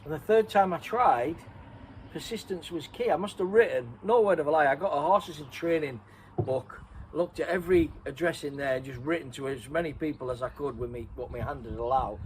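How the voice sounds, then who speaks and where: A man's voice: fairly high pitch, brisk, a little hiss or hum, rough recording. Man telling a story. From Redcar, North East England. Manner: rambling, self-correcting, laughs at himself. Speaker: interviewee and co-host. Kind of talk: casual storytelling chat.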